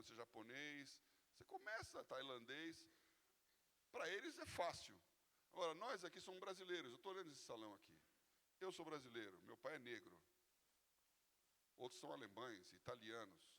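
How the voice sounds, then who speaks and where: A Brazilian-accented male pastor with a gravelly, creaky voice, talking to his congregation. He preaches conversationally and tucks in little "né?" checks as he tells stories. His voice rings out with a long hall reverb. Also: medium pitch, fairly bright tone. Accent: Brazilian Portuguese. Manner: conversational storytelling, frequent "né?" tags. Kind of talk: sermon with personal anecdotes. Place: church hall.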